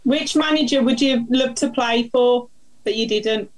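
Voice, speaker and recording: A woman with a Brummie accent, co-hosting a podcast and firing quick questions at a guest in a brisk, friendly way. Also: a little high, low-quality recording. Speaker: co-host asking questions. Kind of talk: quick-fire interview questions.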